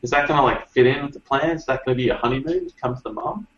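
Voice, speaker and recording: A man's voice: mid-range voice, racing, a bit bright, reverberant, lo-fi sound. A man with an Australian accent in a casual group chat, dry and joking.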